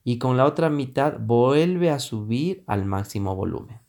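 A man teaching a lesson on public speaking, explaining voice exercises deliberately with frequent pauses and fillers. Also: mid-range voice, animated, vocal fry, a little mellow. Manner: slow, deliberate instruction with hesitant fillers; demonstrates vocal exercises with sustained vowels. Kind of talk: voice training lesson.

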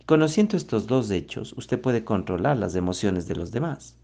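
A man giving a motivational talk on social success, speaking with slow, deliberate emphasis and asking rhetorical questions. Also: lowish voice, expressive, creaky, mellow. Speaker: self-improvement speaker.

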